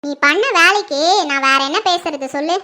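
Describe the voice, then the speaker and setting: A shrill, bright-voiced mother berates her grown daughter in a homemade family skit, as a performer puts her on. She is sharp, accusing and demanding. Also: normal speed. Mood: angry, accusing. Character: furious middle-aged mother, suspicious and scolding. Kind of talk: home-made Tamil family skit acting.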